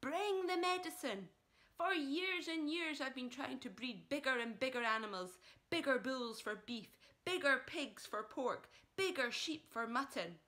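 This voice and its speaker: A woman voicing an excitable, easily worked-up father who shouts in bursts as she reads a children's storybook. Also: sits high, measured pace, pitched above the performer's own voice. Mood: urgent, bossy.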